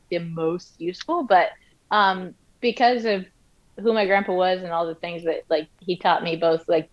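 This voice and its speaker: A woman in her thirties, a woodworker guest in casual interview chat, rambling with many fillers, speaking from her home wood shop. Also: lowish voice. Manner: rambling, frequent fillers and restarts. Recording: dull lo-fi livestream audio.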